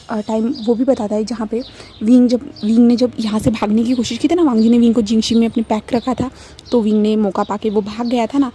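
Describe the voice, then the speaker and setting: A woman's voice: a little high, dark tone, slight background noise. A woman casually narrating a fan-fiction story in a chatty way, with fillers and tag questions.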